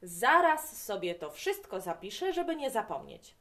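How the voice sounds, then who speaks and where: A good-natured storybook dad, hearty and encouraging, with a lively voice that swings up and down as he talks, read by a woman. He is warm-hearted and easygoing. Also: mid-range voice, a little slow.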